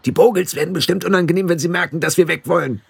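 A man's voice: a little high, rapid-fire, vocal fry, husky, dry recording, pitched above the performer's own voice, exaggerated voice. Man doing a cheeky little blue fairy ringleader. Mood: cheeky boisterous. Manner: brash, boisterous and jolly. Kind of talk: audiobook character voice.

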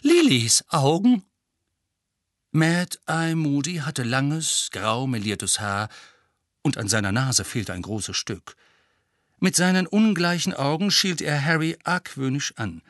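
A man narrating a fantasy audiobook in an expressive storytelling manner. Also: medium pitch, a little slow, dry recording, clean studio sound.

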